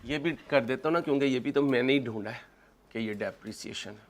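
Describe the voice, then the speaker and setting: A man's voice: medium pitch, a little fast. A man lecturing on accounting, mixing jokey personal stories with worked examples and calling his students "kids". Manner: chatty, joking, addresses students as kids. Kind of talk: classroom lecture with personal anecdotes.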